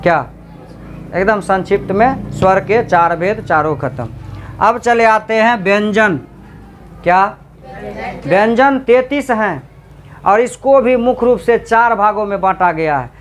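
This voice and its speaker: A man teaching a class, quizzing students with repeated questions and drawing out sounds slowly to demonstrate them. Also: high voice, a little hiss or hum. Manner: slow, drawn-out sound demonstrations. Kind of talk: classroom grammar lecture.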